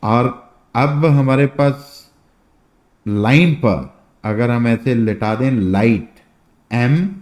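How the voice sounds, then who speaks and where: A man's voice: mid-range voice, a little mellow, roomy sound. A man teaching shorthand in a classroom lesson, explaining step by step and answering his own questions, mixing Hindi with English words.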